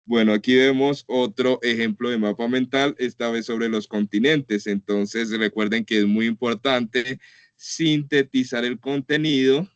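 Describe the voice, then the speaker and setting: A man's voice: mid-range voice, fairly even intonation, a little slow, smooth, dry recording, dull audio. A man teaching an online class, walking students through slide examples in a patient, explanatory way. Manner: patient, explanatory, repeats "entonces" and "por ejemplo".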